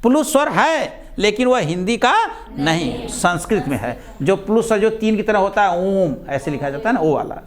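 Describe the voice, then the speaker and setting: A male teacher giving a classroom lesson with a slight tinge, speaking patiently and repeating words slowly for his students. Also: high voice, very animated. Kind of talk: classroom lecture.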